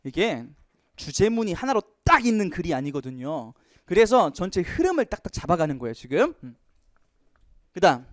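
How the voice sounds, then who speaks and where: A male English teacher giving an exam prep lecture, lively, asking questions and answering them himself. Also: high-pitched, normal speed, dry recording, clean studio sound.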